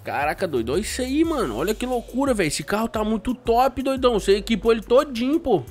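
A Brazilian man hosting a gameplay video, excitable and slangy, calling everyone mano. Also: very high voice, quick pace, soft background music. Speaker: gaming YouTuber host. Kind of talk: casual gameplay commentary.

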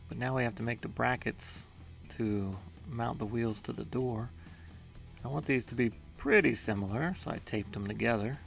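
Over soft background music, a man with a gravelly mid-range voice talks at a moderate pace. As a home workshop maker, he narrates his own build in a relaxed voice-over, going through each step matter-of-factly and pausing briefly at times.

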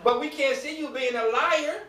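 A man with a high voice preaches a sermon, driving his points home with rhetorical questions and loose, humorous asides. He sounds set back from the microphone in an echoing church sanctuary, with a faint murmur of room ambience behind him. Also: normal speed, bright, forceful tone, faint music behind. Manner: casual conversational asides to the congregation. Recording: echoey room, mic at a distance.

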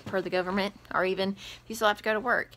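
A woman's voice: mid-range voice, fairly even intonation, rapid-fire, fairly bright tone, slight background noise. A young woman from the South, chatting casually through a grocery haul vlog with plenty of ums. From American South. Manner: chatty, advice-giving, many ums. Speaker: vlogger. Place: home kitchen, indoors.

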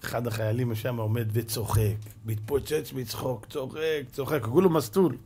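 A man, a rabbi, giving a sermon as an animated storyteller who drops to a hush for suspense. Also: mid-range voice, a little hiss or hum.

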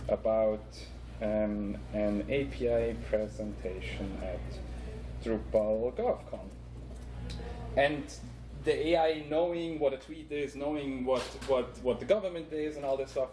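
A Swiss man with a Swiss accent gives a conference talk and live demo, explaining step by step with many ums. His mid-range voice has a darkish tone. The conference room recording is echoey with faint noise.

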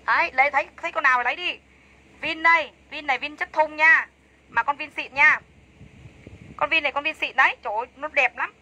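High bright-voiced woman selling live. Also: brisk, low-quality recording. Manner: chatty, enthusiastic sales pitch, repeats prices. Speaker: livestream clothing seller. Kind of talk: fast live-sale patter.

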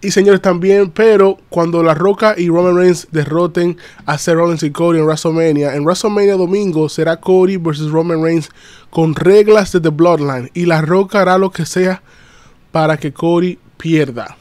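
A man, recapping wrestling on a casual live stream, chatty and animated, greeting viewers in the chat. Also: fairly high pitch, moderate pace, no room sound.

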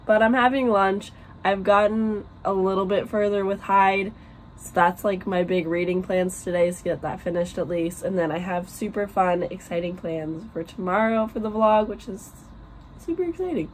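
Speaking at a moderate pace in a medium pitch, this twenties vlogger rambles casually about books from a small bedroom at home, dropping fillers everywhere. Her voice sounds worn out and losing strength, over a slight background noise.

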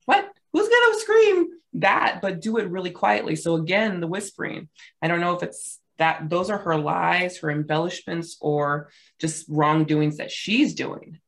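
Chatty woman with a lowish voice. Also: steady tone, moderate pace, gravelly. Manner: chatty, laughing, acts out quotes. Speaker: body language panelist. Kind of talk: casual analysis on a video call. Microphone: video call.

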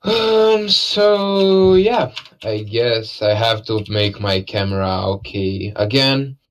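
A man's voice: mid-range voice, animated, takes it slowly, low-quality recording. A man casually commentating a live esports match, laid-back and joking, with lots of fillers.

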